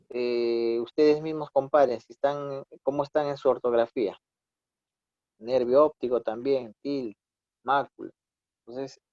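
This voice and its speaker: A man with a Peruvian Spanish accent teaching an online class, patiently correcting his students and tagging his sentences with quick checks. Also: mid-range voice, mellow, no room sound. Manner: corrective, patient, repeats "¿no?" often. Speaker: instructor. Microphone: computer mic on a video call. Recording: dull dry video-call audio.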